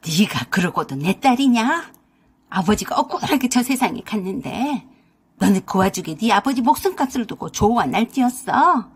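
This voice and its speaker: A stern, hot-tempered old mother-in-law scolds in a low, booming, slow voice, as a woman reader puts her on. A breathy edge runs through her words. It is a storybook radio drama with one reader playing every part. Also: expressive, darkish tone. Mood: scolding. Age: older.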